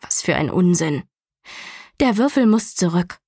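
A woman's voice: fairly low pitch, expressive, a little slow, darkish tone, breathy edge, no echo, full character voice. A bossy young girl, as a woman narrator puts her on, insisting in a lecturing tone. The storybook voice sits close and dry, with no room sound. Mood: insistent. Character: strict young girl, bossy twin sister.

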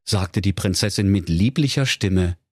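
A man's voice: sits low, measured pace, dry recording, clean studio sound. A man narrating a comic fairy-tale parody in a mock-solemn storytelling manner.

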